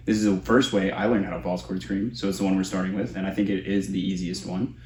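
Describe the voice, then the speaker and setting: A man's voice: low-pitched, a little mellow. A man giving a casual, explanatory tutorial as a vocal coach. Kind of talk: instructional tutorial with vocal demonstrations. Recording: roomy echo.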